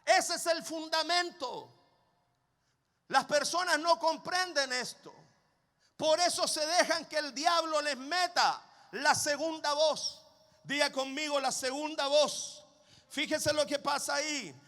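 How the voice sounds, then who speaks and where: A man's voice: very high voice, steady tone, slow, pushed and bright. A man preaching a sermon, emphatic and repetitive, calling on the congregation to repeat his words. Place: church sanctuary with long reverb. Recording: long hall reverb.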